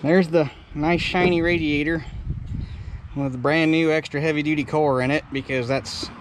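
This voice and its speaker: A man's voice: on the high side, fairly even intonation, moderate pace, a little hiss or hum. A man with a rural American accent talks through a hands-on repair casually, in a folksy, salty-tongued way. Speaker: mechanic presenting his own repair.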